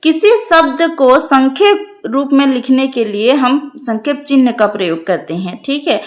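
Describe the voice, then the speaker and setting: Brief: female teacher, Odia accent, high voice, patient step-by-step grammar explanations. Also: animated. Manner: patient, checks in often with "ठीक है"; reads example sentences slowly. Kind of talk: explaining grammar homework answers.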